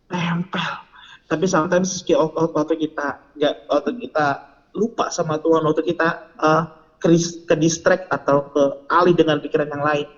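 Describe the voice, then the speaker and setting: A man leads a casual youth devotion, speaking in a chatty, slangy way and tossing questions to his listeners. His voice sits somewhat high for a man. The recording sounds muffled and lo-fi. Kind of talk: casual youth sermon and prayer.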